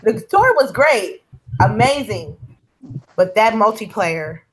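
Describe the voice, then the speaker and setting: A woman's voice: medium pitch, very animated, takes it slowly, slight background noise, low-quality recording. A woman hosting a casual gaming podcast over a call, talking in an enthusiastic, slangy way. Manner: enthusiastic, slangy gamer talk. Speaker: podcast host.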